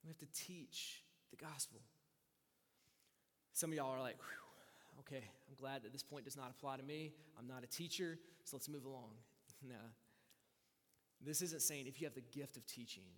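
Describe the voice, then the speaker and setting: A man pastor preaching a sermon in a conversational way, acting out listeners' voices and swinging from hushed to loud. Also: mid-range voice, moderate pace. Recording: long hall reverb.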